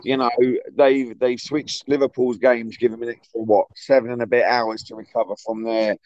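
A man's voice: medium pitch, level tone, moderate pace, a little mellow, no echo. A man chatting casually as a football podcast co-host, his voice cutting in and out on a bad remote call line. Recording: dull, dry call audio.

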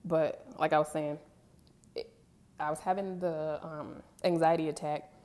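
A woman's voice: deep voice, steady tone, a little slow, warm tone. A woman in her thirties telling a personal story in a rambling, casual way, often restarting her sentences. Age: 30s. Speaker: vlogger.

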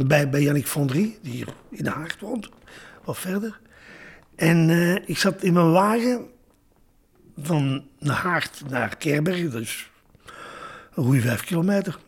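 A man's voice: a little high, lively intonation, measured pace, vocal fry, breathy edge. A Flemish man, a songwriter and producer, recalling how a song came about in an interview, repeating words and restarting often. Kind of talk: interview recollection.

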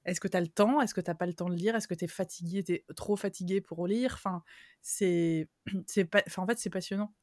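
A woman hosting a podcast in casual chat, with a tired, slightly strained voice and a Vendée accent, lively and laughing often. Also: fairly low pitch, brisk, dry recording, clean studio sound. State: tired voice, throat worn. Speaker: podcast host.

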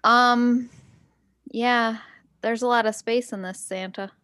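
A woman's voice: on the high side, fairly even intonation, takes it slowly, a bit bright, no room sound, studio quality. A woman co-hosting a podcast in casual chat, laughing often and acting out her own thoughts. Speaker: podcast co-host.

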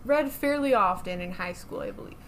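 A woman's voice: mid-range voice, expressive, a little fast, a little hiss or hum. A young adult woman co-hosting a podcast, talking in a chatty, giggly way. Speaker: podcast co-host. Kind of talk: casual chat.

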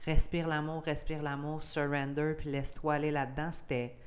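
A woman's voice: low voice, level tone, normal speed, smooth. A young woman from Gaspésie with a Québécois accent, hosting a podcast and telling a personal story in a candid, emotional way, with English words mixed into her French. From Gaspésie, Quebec, Canada. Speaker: podcast host.

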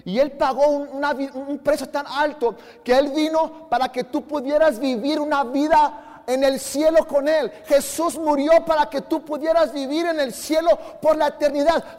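A man with a Mexican accent preaching a sermon as pastor, fervent, swinging from soft asides to shouted emphasis and joking with the congregation. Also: very high voice. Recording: long hall reverb.

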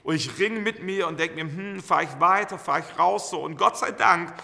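Bright-voiced preacher in a hall. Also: male voice, high-pitched, moderate pace, vocal fry. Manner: lively anecdotal storytelling with many fillers. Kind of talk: storytelling sermon. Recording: reverberant hall.

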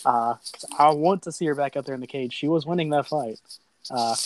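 A man's voice: fairly high pitch, brisk. A man hosting a sports podcast in casual banter, blunt and freely profane. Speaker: podcast host. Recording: clear background noise.

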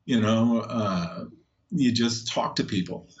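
A man's voice: on the low side, slow pace, dull audio. Laid-back sarcastic Texan man. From Texas. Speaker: guest. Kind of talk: casual storytelling chat.

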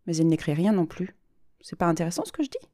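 A woman's voice: on the low side, big pitch swings, fast, dark tone, no echo, clean studio sound. A woman reading the part of an anxious, shy young woman who confides her fears hesitantly to a therapist. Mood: inner doubt. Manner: hesitant, self-doubting confiding.

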